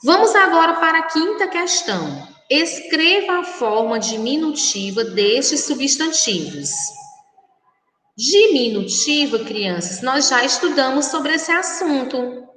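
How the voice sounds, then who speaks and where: Brazilian woman, schoolteacher, high voice, slow and patient, echoey room with long reverb. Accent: Brazilian Portuguese. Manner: slow, patient, lively sing-song teacher talk to children. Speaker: primary school teacher. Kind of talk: recorded remote class lesson.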